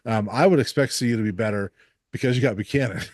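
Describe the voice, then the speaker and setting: A relaxed man hosts a casual sports podcast, weighing each point slowly and filling pauses with ums and uhs. His voice sits at an everyday middle pitch. It sounds dry and close, with no room around it. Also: no room sound. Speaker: sports reporter and podcast host.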